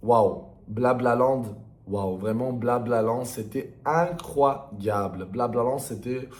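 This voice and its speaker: In an echoey room, a young man who learned French from video games rather than as his first language shares gaming memories in a loose, rambling chat. He's enthusiastic, uses slang, and repeats points emphatically, speaking slowly in a mid-range, slightly mellow voice with a little hiss or hum.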